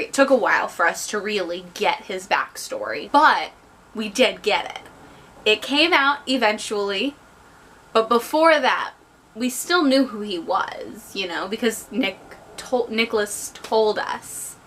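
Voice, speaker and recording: A woman's voice: medium pitch, sharp tone, slight background noise. A tipsy woman giving a casual book review, rambling a little and repeating herself for emphasis. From southern United States. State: tipsy from drinking. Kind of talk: casual spoiler-free book review chat.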